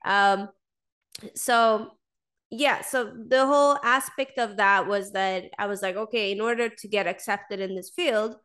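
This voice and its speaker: A woman in her thirties from a Swedish upbringing chats as a podcast guest in a medium-pitched, smooth, slightly bright voice at a measured pace and fairly even intonation. She fills her casual interview talk with fillers and "like," speaking over a video call from a small indoor room with a desk mic close in frame.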